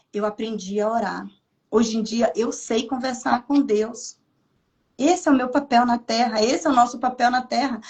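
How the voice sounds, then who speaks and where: A woman from Brazil, a missionary guest on a podcast, telling a lively personal faith testimony and acting out her own inner dialogue. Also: a little high.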